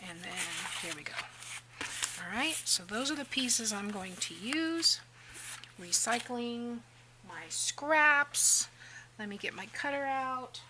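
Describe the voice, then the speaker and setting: A woman's voice: on the high side, expressive, takes it slowly, background noise. A woman talks casually through a crafting tutorial and tells rambling stories in a chatty way. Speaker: crafting vlogger.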